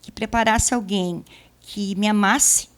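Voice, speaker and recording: A middle-aged woman giving a church testimony, telling her story in a casual, lively way and acting out the dialogue. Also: mid-range voice, slow.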